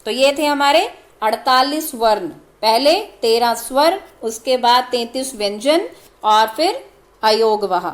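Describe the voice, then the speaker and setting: A woman's voice: a little high, lively intonation, slow. A woman teaching a grammar lesson, explaining carefully and sounding out each letter one by one. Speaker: Sanskrit teacher. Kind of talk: slow step-by-step grammar lesson.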